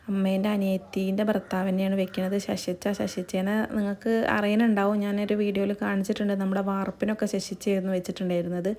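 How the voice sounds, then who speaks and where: A woman's voice: medium pitch, dark tone. A young woman narrating her family vlog in a casual, chatty voice-over, tagging friendly asides onto her sentences. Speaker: vlogger.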